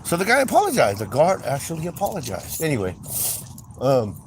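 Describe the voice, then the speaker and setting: A man's voice: a little high, huge pitch swings, fairly quick. A middle-aged man on a livestream, chatting in a rambling, casual way as he tells stories and points out sights while driving through town. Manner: rambling, chatty, with frequent "anyway" and "um". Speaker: livestream host. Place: in a car on city streets. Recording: street traffic noise. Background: traffic and city ambience.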